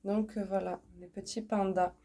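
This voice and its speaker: A woman's voice: mid-range voice, little pitch movement, moderate pace, dark tone. A woman with a cold, speaking nasally through a blocked nose, chatting casually as she shows off items she bought. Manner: chatty, repeats words, many fillers. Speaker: vlogger showing a haul. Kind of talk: casual unboxing chat.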